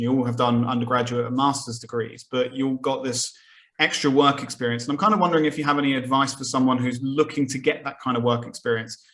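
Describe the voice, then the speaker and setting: Hosting a psychology podcast, a man with a mid-range, somewhat bright voice recaps what his guests said and asks considered questions in a conversational interview style, leaning heavily on filler words.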